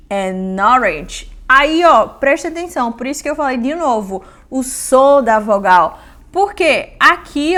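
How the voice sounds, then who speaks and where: High-voiced woman teaching English. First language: Portuguese. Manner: lively, repeats example words slowly. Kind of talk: casual online lesson.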